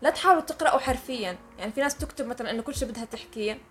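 A woman's voice: on the high side, racing, soft background music. A woman with a Levantine accent explaining things casually and emphatically to listeners as a podcast co-host.

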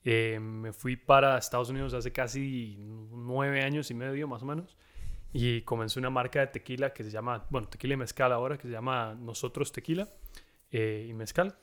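A Costa Rican man in his thirties, telling stories as a guest in a relaxed chat, saying "mae" often. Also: medium pitch, normal speed. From Costa Rica. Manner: relaxed, says "mae" constantly, storytelling. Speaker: guest, tequila brand founder. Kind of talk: casual podcast chat.

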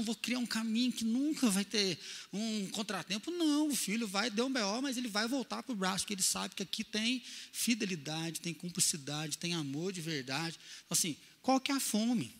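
High bright pastor preaching in a hall. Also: male voice. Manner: animated preaching with acted-out quotes, asks questions. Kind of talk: sermon. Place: church.

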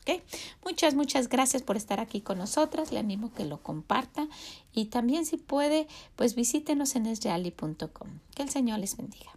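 Woman, devotional talk, earnest and encouraging, gravelly creaky voice, whispers for emphasis. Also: on the high side, expressive, moderate pace, a little mellow. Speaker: women's ministry podcast host.

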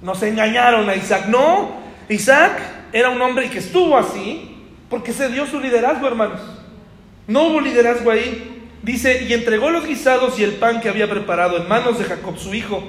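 A man's voice: extremely high pitch, normal speed, a bit bright. A man preaching a sermon as a pastor, talking conversationally and asking the congregation rhetorical questions. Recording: echoey hall.

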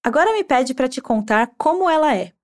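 A woman teaching a language lesson, patiently modeling words slowly and asking the listener to repeat after her. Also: high voice, animated. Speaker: Spanish teacher.

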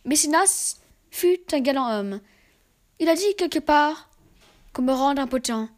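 A woman with a high voice recites verse fables aloud. Her reading is measured and expressive, shaping each line with care. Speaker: reader.

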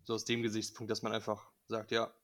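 A man's voice: lowish voice, completely flat delivery, brisk, a bit bright. A man co-hosting a gaming podcast, chatting casually in an amused way. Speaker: podcast co-host. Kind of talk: casual chat.

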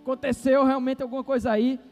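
Incredulous male doctor, curt and high-pitched, as a preacher puts him on, reverberant hall. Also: flat delivery, a little fast. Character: skeptical male doctor, brusque and startled. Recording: reverberant hall, faint music.

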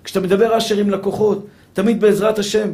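A man's voice: sits high, flat delivery, warm tone. A man, a rabbi, preaching a fervent sermon that repeats its points, stumbles on restarts and calls his listeners brothers.

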